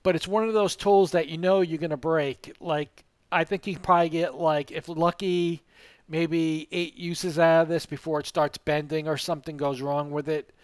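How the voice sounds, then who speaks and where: A man's voice: on the high side, steady tone, moderate pace, clean tone, dry recording. A man giving a casual, rambling tool review outdoors in a yard, talking plainly about how it works.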